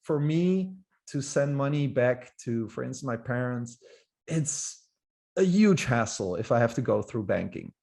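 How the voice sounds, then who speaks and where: A man's voice: medium pitch, lively intonation, measured pace, vocal fry, darkish tone. A man from the Netherlands, giving an informal, enthusiastic presentation as a guest speaker, with occasional restarts. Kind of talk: presentation talk.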